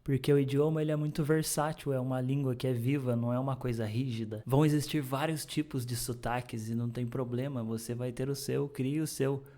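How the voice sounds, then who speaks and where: Male video host, Brazilian accent, average pitch; casual, slangy, emphatic coaching delivered straight to viewers. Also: steady tone, brisk, hardly any pauses, warm tone. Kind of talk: casual explanatory video commentary.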